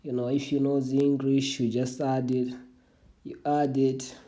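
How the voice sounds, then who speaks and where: A Swahili-speaking young adult tutorial vlogger gives a halting, relaxed demo of an online application, with frequent restarts and "family" as the name for viewers. Their mid-range voice is mellow, with a flat delivery.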